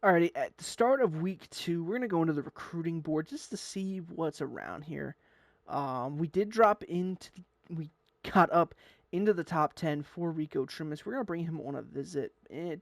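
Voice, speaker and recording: A man's voice: on the high side, vocal fry, dry recording. A young man giving casual, upbeat commentary on a football video game, rambling and sometimes stumbling over his words. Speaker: gaming YouTuber.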